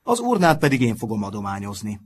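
A man's voice: lowish voice, wildly swooping pitch, husky, heavily acted. A man reading aloud and voicing a blunt, cheerful teenage schoolboy.

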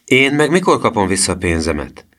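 Male narrator as a young boy, higher and louder, storybook. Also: sing-song. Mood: eager. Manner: loud and eager. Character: excited young schoolboy.

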